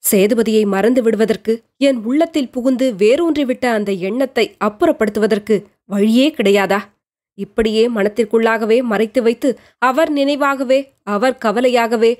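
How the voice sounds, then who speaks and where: A lovesick young woman lies sick in bed and turns her doubts over and over in an anxious inner monologue, as a woman narrator reads her. Her voice sits fairly high. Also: darkish tone, close to an everyday voice.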